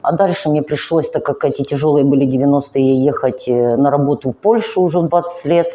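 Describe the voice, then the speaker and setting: A woman's voice: low-pitched, dull audio, a little hiss or hum. A woman, telling her own life story in an earnest, emotional vlog monologue, weary and speaking with effort. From Ukraine. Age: 40s. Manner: earnest, emotional, slow and halting. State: weary, finds speaking hard. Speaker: vlogger. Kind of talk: personal confessional monologue.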